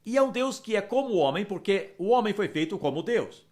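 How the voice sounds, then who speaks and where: A man's voice: high voice, lively intonation, a little fast, darkish tone. A man giving an emphatic, explanatory Bible teaching talk.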